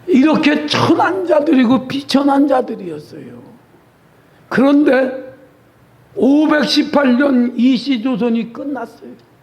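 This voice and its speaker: A man's voice: extremely high pitch, animated, a little slow, creaky, darkish tone, lo-fi sound. A man with a Chungcheong accent preaching a sermon in a church, folksy and teasing members of the congregation by name. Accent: Chungcheong dialect. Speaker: pastor. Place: church sanctuary.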